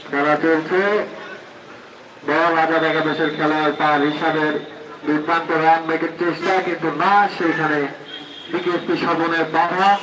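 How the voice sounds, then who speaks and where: A Bangladeshi man calls a local football match live, play by play. His voice sits a little high. It comes from a distance with a roomy echo and clear noise around it. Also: monotone, moderate pace.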